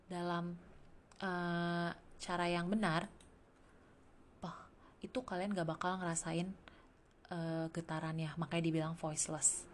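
A woman's voice: on the low side, slight background noise. A woman teaching English pronunciation in a casual lesson, demonstrating sounds one by one.

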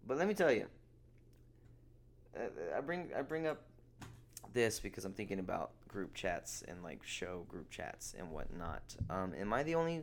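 A young man rambles through his solo podcast, swearing freely and turning sarcastic at the things that annoy him. He talks slowly in a slightly low voice. Faint ambient hum sits behind him. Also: expressive, gravelly. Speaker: podcast host. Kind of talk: casual solo podcast rant.

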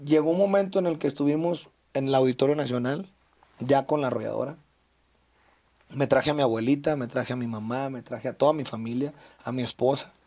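A man's voice: mid-range voice, fairly even intonation, brisk, a little mellow. Man, 30s, Sinaloa Mexican accent, interview guest, reflective, hesitant fillers. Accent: Mexican Spanish, Sinaloa. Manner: reflective, frequent fillers and restarts. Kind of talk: casual conversational interview.

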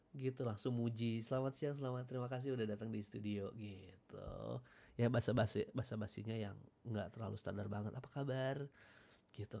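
A man who works as a radio announcer, talking casually about habits of announcers, mixing in English phrases and often clearing his throat. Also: on the low side, warm tone. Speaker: radio announcer giving tips. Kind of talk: casual Jakarta-slang talk.

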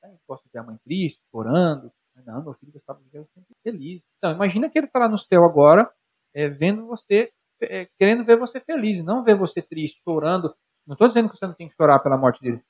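A quick, husky-voiced Brazilian man in his role as a psychologist guest, talking with animated energy and firing rhetorical questions at the listener. His voice sits a little high for a man, and the audio comes through dull and lo-fi. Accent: Brazilian Portuguese. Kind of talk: conversational explaining with examples. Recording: dull lo-fi sound.

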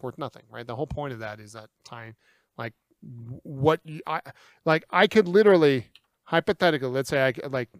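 Loud rambling young man podcaster. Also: mid-range voice, dry recording. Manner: loud, rambling, exaggerated outrage. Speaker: podcast co-host. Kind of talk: casual chat.

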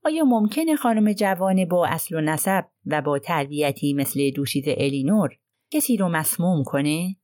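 Woman doing an aggrieved, low-voiced old housekeeper. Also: lively intonation, a little mellow, dry recording, clean studio sound. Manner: indignant, aggrieved complaining. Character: prim, self-righteous older housekeeper woman.

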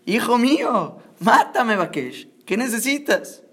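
A man playing a patient, gentle old sage. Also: very high-pitched, husky, pitched above the performer's own voice, exaggerated voice. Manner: calm, unhurried, kindly.

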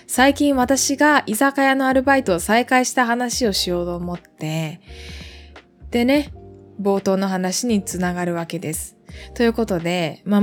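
Chatty young woman podcaster. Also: mid-range voice. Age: 20s. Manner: chatty, rambling with many fillers and asides. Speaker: podcast host. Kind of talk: casual solo podcast talk.

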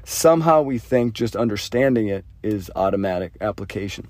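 A man hosting his own podcast, talking through his thoughts in a rambling, earnest way, with many fillers and sentences that trail off quietly. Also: on the low side, animated, fairly quick, dry recording. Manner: earnest, thinks aloud about faith. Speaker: podcast host. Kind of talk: reflective solo monologue.

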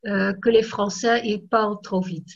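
Slow hesitant Dutch-native woman, muffled. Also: medium pitch, steady tone, gravelly. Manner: hesitant, searches for French words, drops in English yeahs. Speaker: language teacher. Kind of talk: casual chat.

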